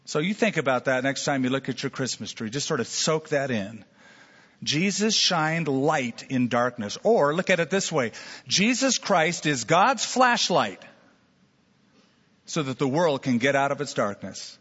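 Husky-voiced preacher in a reverberant hall. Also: male voice, medium pitch, very animated, measured pace, fairly bright tone, highs cut off. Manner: storytelling preacher, acts out imagined voices. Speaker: pastor. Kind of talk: sermon.

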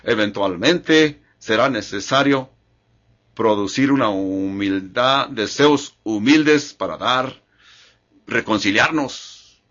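A man's voice: mid-range voice, fairly bright tone. Older man preaching a sermon, muffled. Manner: earnest, repetitive phrasing with restarts.

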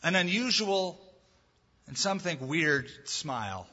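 A man's voice: a little high, very animated, slow pace, bright, forceful tone, husky, big-room sound, muffled recording. A male pastor preaching emphatically, asking the congregation questions and ending in prayer. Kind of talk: sermon and closing prayer.

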